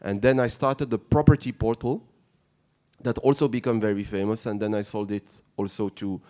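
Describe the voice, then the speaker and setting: A man's voice: fairly low pitch, steady tone, normal speed, warm tone. A middle-aged man, introducing himself on a conference panel with light humor and frequent fillers. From Morocco. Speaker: panelist, startup founder.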